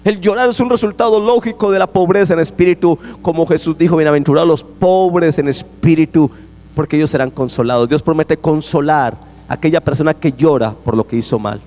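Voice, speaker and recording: A man preaching a sermon as a pastor, emphatic and repetitive, his voice swinging high and low. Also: brisk, a little mellow. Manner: emphatic, repetitive preaching, rising and falling sharply. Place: church sanctuary. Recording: echoey church hall.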